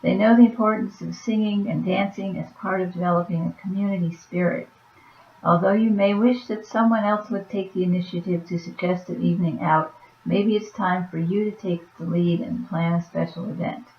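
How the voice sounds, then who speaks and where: Low, weak-voiced woman reading oracle cards. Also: steady tone, moderate pace. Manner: soft-spoken, reads then comments offhand. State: weak, fading voice. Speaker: oracle card reader. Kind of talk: reading cards aloud with casual asides. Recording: roomy, dull lo-fi sound.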